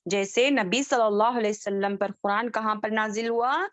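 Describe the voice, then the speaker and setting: A woman's voice: fairly high pitch, normal speed, no echo. A woman teaching a Quran recitation class online, patiently drilling letter sounds and asking the students if they follow.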